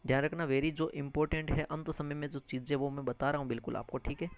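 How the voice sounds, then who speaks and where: Gravelly-voiced man teaching exam prep. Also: a little high, fast. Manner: animated, repeats key terms, calls listeners friends; mixes English words into lecture. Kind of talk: spoken exam-prep lesson.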